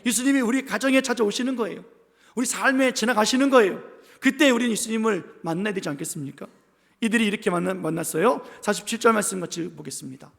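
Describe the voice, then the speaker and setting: A man from the capital region preaches a sermon in a church sanctuary. His voice sits high and carries a gravelly fry, and a long hall reverb trails every phrase. He preaches with emphasis and leads the congregation in call-and-response. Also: quick pace, fairly bright tone. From Seoul capital region. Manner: acts out quoted voices in his telling. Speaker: pastor.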